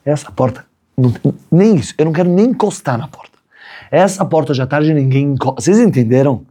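A rabbi with a husky, mellow voice on the high side teaches a chatty Torah class that includes a story. He talks quickly and expressively, often checking in with listeners through "right?" tags.

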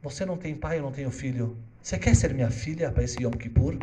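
A man playing a bereaved old rabbi, speaking softly and slowly in a comforting tone. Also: mid-range voice, lightly acted. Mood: tender. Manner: soft, slow, comforting.

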